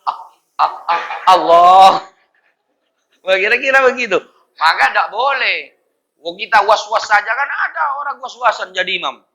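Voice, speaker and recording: Forceful preacher. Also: male voice, high-pitched, lively intonation, brisk, low-quality recording. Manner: chatty and joking, chants Quran verses to demonstrate recitation. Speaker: Islamic religious teacher. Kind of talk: religious study lecture.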